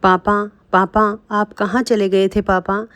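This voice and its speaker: A woman voicing an innocent six-year-old girl in a spoken storybook, speaking slowly and plaintively. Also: mid-range voice, fairly even intonation, lightly acted. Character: small girl, about six, innocent and longing.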